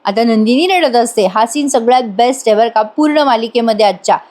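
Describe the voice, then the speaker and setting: A woman with a Marathi accent narrating a TV episode recap as a voice-over. Her voice is high and chatty, and she speaks directly to her viewers. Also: lively intonation, a little fast, a little mellow. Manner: chatty, addresses the audience directly. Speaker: TV serial reviewer.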